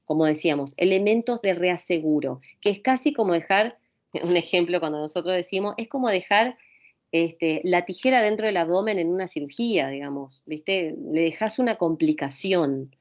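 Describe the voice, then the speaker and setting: Giving a casual pharmacology lecture at a moderate pace, a woman speaks in a lowish voice with a Rioplatense Spanish accent. She keeps it conversational, often asks rhetorical questions, and repeats calming phrases. The recording sounds muffled.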